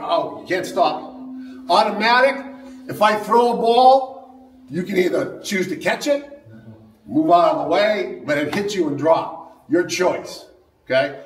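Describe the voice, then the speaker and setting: A man with a fairly high voice leads a martial arts seminar. His delivery is upbeat and jokey, and he keeps checking in with "all right?" as he goes. He is picked up from a distance in an echoey training hall with faint background noise. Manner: frequent "all right?" and "okay?" checks to the class. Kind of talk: seminar teaching with demonstration. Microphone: camera mic from a distance. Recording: echoey hall recorded from afar.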